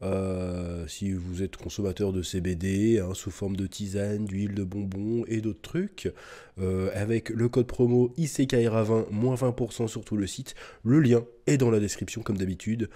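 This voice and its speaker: A man's voice: fairly low pitch, normal speed. A man hosting a casual news reaction video, talking informally and ranting with indignant outbursts. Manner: animated, ranting, rising to indignant peaks; informal slang and swearing. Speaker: host.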